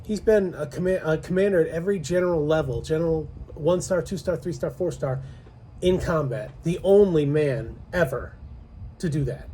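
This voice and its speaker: An American man with a notably high voice hosts casual political commentary. He speaks with sarcasm and keeps throwing out rhetorical questions. There is faint outdoor background noise behind him. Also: moderate pace, warm tone. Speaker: co-host of a political commentary show. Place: outdoors in a backyard.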